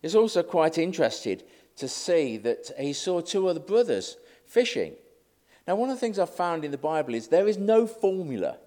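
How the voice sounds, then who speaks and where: A middle-aged man preaches in a chatty, self-deprecating way, with a slightly nervous edge. His voice sits a touch high for a man and swings widely in pitch. He keeps the sermon light and conversational. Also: very animated, moderate pace, mellow. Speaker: lay preacher.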